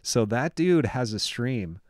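A man's voice: mid-range voice, expressive, slow pace, a little mellow, no echo. A man who produces music, walking through his production in a casual, enthusiastic way, full of filler words, talking into a studio microphone. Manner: chatty and enthusiastic, many "like" fillers.

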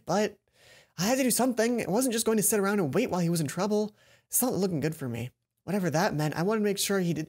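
A young adult woman with a lowish, somewhat dark voice reads a visual novel aloud as a let's play host. She sits at a computer in an indoor room, speaking into a headset, with game music playing behind her.

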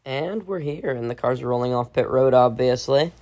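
A man's voice: mid-range voice, moderate pace, darkish tone, dry recording, faint music behind, poor audio. A young man with a sick voice giving a casual, joking solo commentary on a sim race, often saying "obviously".

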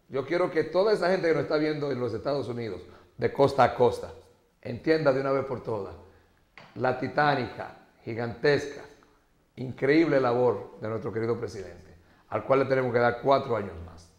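A man's voice: mid-range voice, brisk, reverberant. Emphatic Dominican man hosting a talk show. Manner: emphatic, preachy, teasing. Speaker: host. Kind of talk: political talk show commentary.

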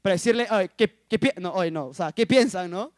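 A young man in his twenties giving an emotional personal testimony at a school assembly, telling his story with animated, acted-out quotes. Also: high-pitched, a little fast, dry recording, clean studio sound. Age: 20s. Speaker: youth speaker.

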